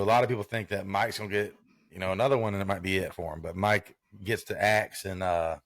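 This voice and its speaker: A man's voice: sits low, a bit bright, no echo, studio quality. A man co-hosting a podcast in casual sports chat, rambling and repeating himself as he talks. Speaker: podcast co-host.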